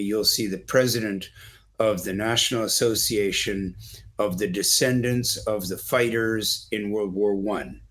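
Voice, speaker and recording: A middle-aged man with a somewhat low voice, speaking as an interview guest. He talks in a discursive, earnest way, winding through stories and walking the listener through old photos. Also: a bit bright. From Canada. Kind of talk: storytelling in an interview.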